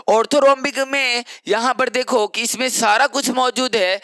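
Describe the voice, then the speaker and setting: A man's voice: very high-pitched, pushed and bright, smooth, dry recording. A young man teaching chemistry in an exam-prep lecture, explaining step by step and asking rhetorical questions that he answers himself.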